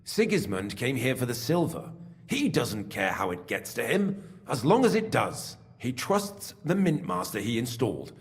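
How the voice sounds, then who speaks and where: A smug, scheming smelting master. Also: male voice, moderate pace. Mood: resigned. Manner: smug and evasive, lively pitch. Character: scheming middle-aged male smelting works master, sly. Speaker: game character. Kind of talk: video game voice acting.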